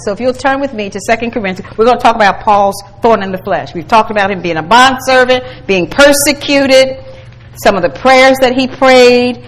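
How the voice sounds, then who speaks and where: A woman's voice: fairly high pitch, rough recording. A woman teaching a Bible study to a group, earnest and calling for responses, building to emphatic exhortation.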